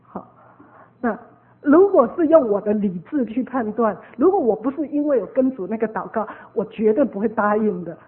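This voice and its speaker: A woman giving an earnest, animated sermon testimony as a preacher. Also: on the high side, normal speed. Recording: narrow phone-like lo-fi recording.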